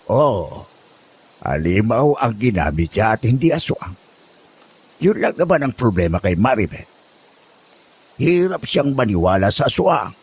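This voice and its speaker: Here is a man voicing an old village healer in a horror audio drama. He speaks sternly with a lively, rising and falling pitch. Loud crickets and night ambience sit behind him. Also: a little slow, pauses often, background noise. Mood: dismissive. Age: older. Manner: scolding, lively and emphatic.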